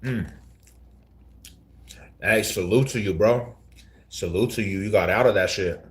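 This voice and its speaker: A man in his forties, his voice fairly low and a touch slow, tells his story on a casual live stream. He talks in slang, repeats himself, and keeps calling the listener "bro."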